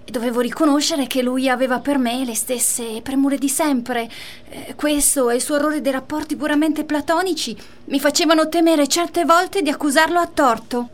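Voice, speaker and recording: A woman's voice: high voice, steady tone, moderate pace, lightly acted. A woman reading the part of a jealous, wounded wife in a radio play, earnest and aggrieved.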